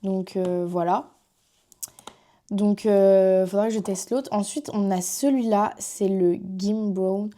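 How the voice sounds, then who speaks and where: A woman's voice: medium pitch, steady tone, slow, dark tone. A young woman with a French accent chatting casually through a makeup haul, rambling with lots of fillers. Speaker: vlogger.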